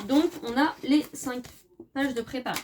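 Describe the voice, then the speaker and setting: A woman chatting casually through a craft tutorial, often correcting herself and filling pauses as she works. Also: sits high, darkish tone, a little hiss or hum. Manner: chatty, self-correcting, many fillers. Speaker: scrapbooking crafter.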